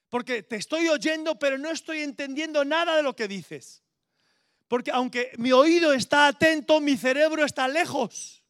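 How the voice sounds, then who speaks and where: A man's voice: very high-pitched, fairly bright tone, no room sound, clean studio sound. A middle-aged man preaching a sermon in a conversational, storytelling way, acting out little dialogues.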